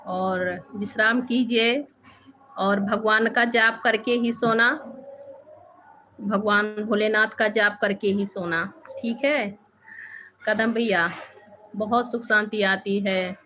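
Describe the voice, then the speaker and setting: A woman hosting a casual live stream from home, softly chatting with viewers and often thanking them. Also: mid-range voice, steady tone, slow, pauses often, a little hiss or hum. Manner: soft-spoken, devotional, thanks viewers often. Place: home with two bedrooms and a temple.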